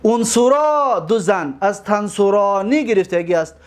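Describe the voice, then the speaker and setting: A man teaching a grammar lesson, repeating word forms slowly and asking his own questions. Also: high voice, animated.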